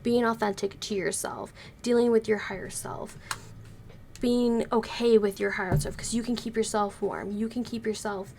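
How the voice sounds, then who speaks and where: A woman reading tarot cards for her viewers in a casual, unhurried way, her voice a little hoarse from being sick, speaking slowly and gently to spare it. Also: a little high, a little hiss or hum. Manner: slow, gentle, careful with her voice. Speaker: tarot reader.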